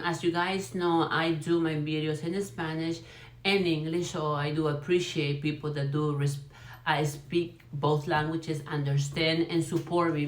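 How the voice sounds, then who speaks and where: Low-voiced chatty woman, echoey room. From Peru. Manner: chatty, rambling, many fillers and restarts. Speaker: YouTube channel host. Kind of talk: casual gossip commentary.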